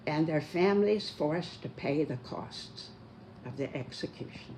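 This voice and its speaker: Very old speaker, slow and deliberate. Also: mid-range voice, animated, darkish tone, a little hiss or hum. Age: 90s. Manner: slow, deliberate, emphatic elderly delivery. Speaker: speaker giving a talk.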